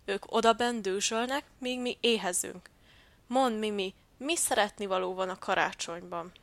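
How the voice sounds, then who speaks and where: A woman's voice: medium pitch, no room sound, lightly acted. A woman voicing a grumpy, hungry male crow who grumbles and complains, in a storybook reading. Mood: grumbling.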